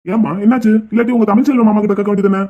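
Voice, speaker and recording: Cartoon: a man playing a meek tea seller, quick and high-voiced, dull lo-fi sound. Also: fairly even intonation, close to an everyday voice. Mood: worried. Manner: pleading, fretful. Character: meek adult male tea shop owner. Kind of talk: cartoon voice acting.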